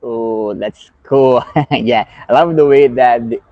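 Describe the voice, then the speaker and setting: A Brazilian man with a Portuguese-speaker's accent chats casually as an English learner, searching for words. His mid-pitched voice sounds dry and slightly dull over a call. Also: slow, no echo. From Salvador, Brazil. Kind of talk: casual lesson chat.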